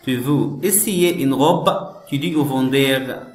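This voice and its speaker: A man teaching French, explaining slowly and patiently, repeating each phrase and glossing it in English. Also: medium pitch. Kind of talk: slow classroom explanation. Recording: echoey room.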